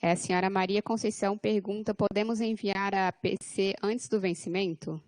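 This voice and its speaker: A woman's voice: medium pitch, steady tone, normal speed, darkish tone, no echo. A woman from Brazil moderating an online workshop, politely reading out questions from the audience. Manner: polite, formal, ends with "tá bem?". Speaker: webinar moderator.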